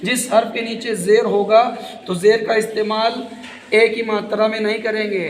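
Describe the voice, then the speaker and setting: A man's voice: sits high, flat delivery, normal speed, a little hiss or hum. A man with an Indian Hindustani accent teaching Quran reading, patiently spelling out letters and repeating sounds step by step. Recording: echoey room with reverb.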